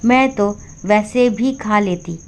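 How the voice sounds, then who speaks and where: A woman voicing an elderly, meek mother who speaks softly and hesitantly in a storybook. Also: medium pitch, slow pace, smooth. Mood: pleading. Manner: soft and hesitant. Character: elderly meek widowed mother, gentle and pleading.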